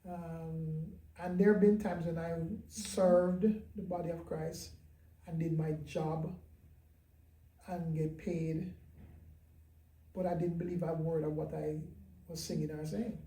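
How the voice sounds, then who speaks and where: A pastor speaks with a deep, mellow darkness in his tone, candid and halting as he reflects in an interview. His voice sits back from the microphone in a roomy space. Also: flat delivery. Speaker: pastor and gospel singer. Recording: roomy sound from a distant mic.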